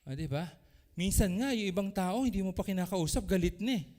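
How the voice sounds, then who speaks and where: A man preaching a sermon as pastor, animated, swinging between loud exclamations and soft asides. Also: high-pitched, brisk. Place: church. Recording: church hall with long reverb.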